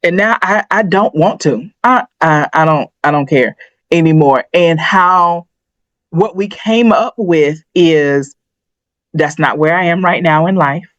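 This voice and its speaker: In dry, slightly dull podcast audio with no room sound, a middle-aged co-host talks at a measured pace in a lowish voice. Her chat is candid and personal, full of thinking aloud and restarts.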